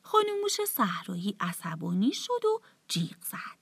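A woman telling a bedtime story to children in a soft, often half-whispered, tender voice. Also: mid-range voice, wildly swooping pitch, slightly rough, no echo.

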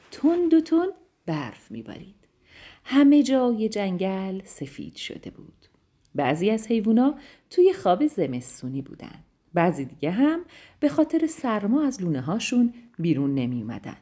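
Reading a bedtime story to children, a woman sounds gentle and loving, her warm, mellow voice carrying a breathy edge. Lively sing-song shifts in her pitch make the story come alive.

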